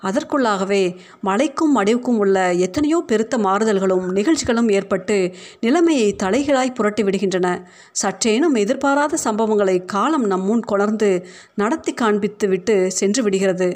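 A woman narrating a short story in a measured, steady storytelling voice. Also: medium pitch. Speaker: story reader.

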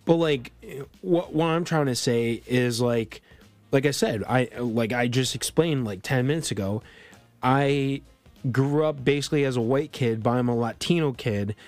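A man's voice: medium pitch, moderate pace, darkish tone, faint music behind. A man born in Colombia co-hosting a podcast, talking politics in a casual, rambling way full of restarts and fillers. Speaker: podcast co-host.

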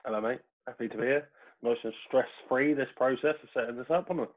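A man's voice: medium pitch, quick pace. English man with a Portsmouth accent on a tinny call line. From Portsmouth, England. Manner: relaxed, storytelling, laughs easily. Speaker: podcast guest. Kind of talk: casual chat. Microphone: video call. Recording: tinny phone-like call audio.

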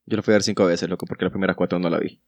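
A man's voice: deep voice, flat delivery, very fast, a little mellow, dry recording. A man, trading crude, goofy jokes and stories in casual podcast chat. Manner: crude, teasing, goofy storyteller. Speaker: podcast co-host.

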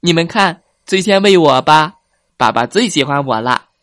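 A man's voice: a little high, expressive, moderate pace, fairly bright tone, no echo, studio quality. A man putting on a smug baby ankylosaur. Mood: smug bragging. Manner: bragging, singsong. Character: boastful baby ankylosaur, young male, smug.

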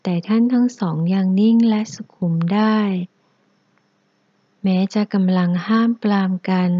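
A woman's voice: mid-range voice, warm tone, no echo, lo-fi sound. Woman reading a historical novel. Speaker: narrator.

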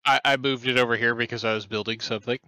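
A man's voice: medium pitch, steady tone, quick pace, pushed and bright, no room sound. A man co-hosting a podcast, chatting in an easygoing way while gaming. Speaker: podcast co-host. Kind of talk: casual chat while gaming.

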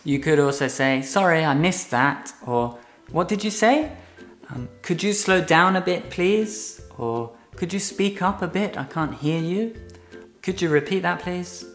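A man who is a native English speaker, teaching English phrases in Spanish and English with slow, patient explanations. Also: fairly high pitch, animated, fairly bright tone, soft background music. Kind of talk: bilingual language lesson.

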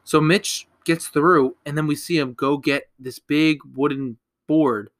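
A man's voice: on the high side, steady tone, unhurried, fairly bright tone. A young man casually recapping a horror movie on a podcast, rambling, swearing and correcting himself as he goes. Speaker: podcast co-host.

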